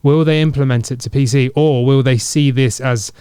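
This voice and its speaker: Man, podcast co-host, smooth resonant voice, dry close mic. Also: medium pitch, moderate pace, no echo. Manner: chatty, animated, mimics sounds and voices. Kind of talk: casual chat reacting to a game trailer. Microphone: studio podcast mic.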